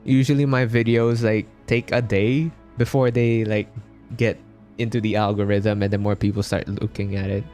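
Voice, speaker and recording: This Filipino streamer chats casually with his live audience while gaming over background game music. His voice sits lowish and a little mellow, with a flat delivery at normal speed.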